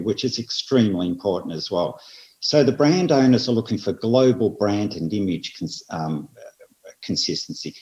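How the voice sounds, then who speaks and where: An Australian man presenting at an industry seminar, speaking in a measured way and hitting repeated phrases with emphasis. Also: on the low side, darkish tone. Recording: roomy, slightly dull audio.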